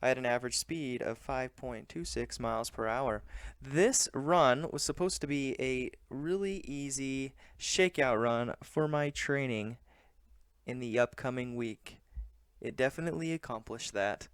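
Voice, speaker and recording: A man narrating a vlog recap as a vlogger, in a plain, measured and earnest way. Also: medium pitch, clean tone, dry recording. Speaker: running vlogger.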